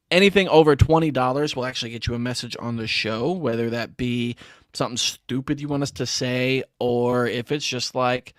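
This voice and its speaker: A man's voice: mid-range voice, no room sound, clean studio sound. A man hosting a casual sports podcast in an easygoing, slangy way, often calling his co-host "bro". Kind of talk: casual chat.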